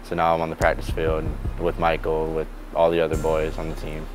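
A man's voice: extremely low pitch, monotone, fairly quick. A young man from Florida, a college football player, talking plainly and a bit rambling in a sports interview. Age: young adult. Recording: background music under voice.

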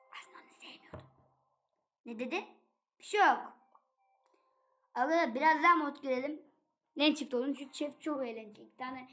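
A woman giving casual, playful commentary while playing a video game, chatty and excitable as she addresses her viewers. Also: high-pitched. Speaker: gaming channel host. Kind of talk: casual let's-play commentary.

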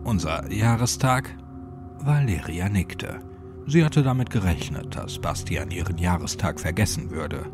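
Lively low-voiced male horror narrator. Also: moderate pace. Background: music.

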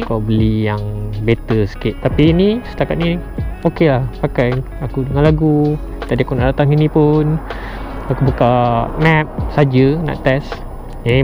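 Here the Malaysian-accented young vlogger speaks at medium pitch with a creaky voice, casually reviewing a product while outdoors on his motorbike by the road. He's slangy and mixes in English words. Loud music is layered behind him, and the audio sounds dull and muffled.

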